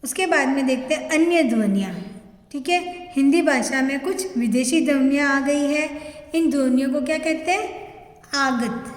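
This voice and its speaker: Female teacher, high voice, patient step-by-step explainer who asks her own questions and answers them; long reverb. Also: moderate pace. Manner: explains step by step, repeats terms, checks with "thik hai". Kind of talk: classroom grammar lesson. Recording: echoey room with long reverb.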